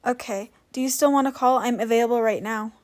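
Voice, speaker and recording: A woman's voice: fairly high pitch, fast talker, darkish tone, lightly acted. A woman reading as a shy eager schoolboy. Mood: cheerful. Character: shy cheerful teenage boy student.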